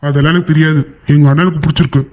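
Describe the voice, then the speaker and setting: A man's voice: on the high side, level tone, rapid-fire, darkish tone, muffled recording, natural voice. A man voicing a menacing young thug loyal to his kidnapper brother in a cartoon, blunt and threatening.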